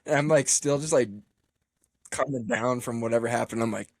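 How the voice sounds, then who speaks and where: A man on a running team's podcast telling a story in a casual, animated way, laughing often, swearing freely and acting out what people said. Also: medium pitch, brisk, no room sound, clean studio sound.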